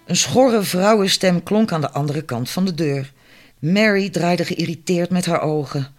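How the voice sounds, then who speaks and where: A man narrating an audiobook with calm, even storytelling. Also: high voice, unhurried, soft background music. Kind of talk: scripted narration.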